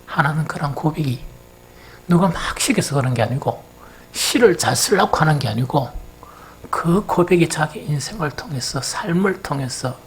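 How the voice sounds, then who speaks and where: A man's voice: a little high, normal speed, a little hiss or hum, poor audio. A man with a Gyeongsang accent preaching a Sunday sermon as senior pastor, asking his congregation rhetorical questions and telling homely stories. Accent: Gyeongsang Korean. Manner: lively preaching with rhetorical questions and folksy storytelling. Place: church sanctuary.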